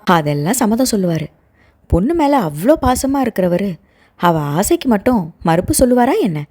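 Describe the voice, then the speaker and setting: A calm, teasing young man from a spoken audio novel, as a woman narrator puts him on. His reassuring lines come out unhurried, with a mellow tone and a lively melody. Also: mid-range voice, lightly acted.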